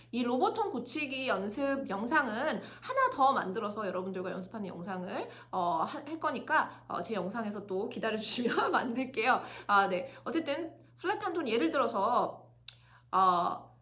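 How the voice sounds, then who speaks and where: Brief: female pronunciation tutor with a Korean accent, very animated delivery, high voice, laughs freely. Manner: lively, demonstrative, laughs often, drills English phrases. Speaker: English pronunciation teacher. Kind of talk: casual video lesson.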